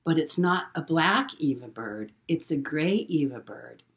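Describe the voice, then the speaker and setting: Low-voiced woman telling a story. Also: expressive, gravelly. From Hawaii. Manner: halting, repeats words, many fillers. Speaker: channel host telling a personal story. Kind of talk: casual spoken storytelling.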